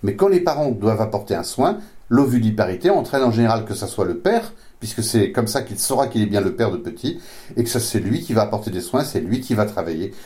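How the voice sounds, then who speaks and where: A man's voice: on the low side, animated, quick pace, mellow. A man giving an informal, didactic science explanation as a biology expert, often repeating words as he searches for the next. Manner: didactic, with frequent self-repetitions and searching for words.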